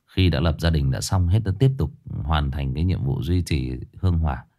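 A man telling a tragic true story to his listeners in a casual spoken style, with sudden high emphatic bursts and low somber drops. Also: moderate pace, mellow. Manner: addresses listeners directly, casual with restarts.

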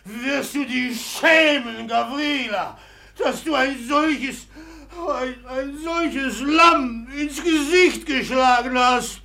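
A drunken, brawling rich suitor. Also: male voice, very high-pitched, takes it slowly, gravelly, heavily acted. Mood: tearful pleading. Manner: drunken boasting, shouting and laughing. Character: drunken wild rich man, loud and impulsive. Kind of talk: radio drama acting.

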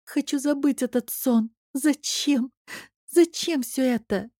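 A woman voicing a fragile young wife just woken from a nightmare, pleading in a high, tearful voice. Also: takes it slowly, dark tone, dry recording, studio quality.

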